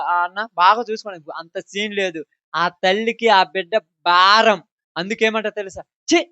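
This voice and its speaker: A man preaching a sermon, talking straight to his listeners and swinging between loud emphasis and quiet asides. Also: sits high, dry recording. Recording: dull dry recording.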